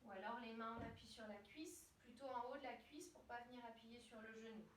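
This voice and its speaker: A woman teaching a gentle yoga class, giving soothing, measured step-by-step instructions. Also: fairly high pitch, steady tone, slight background noise. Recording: roomy echo, distant from mic.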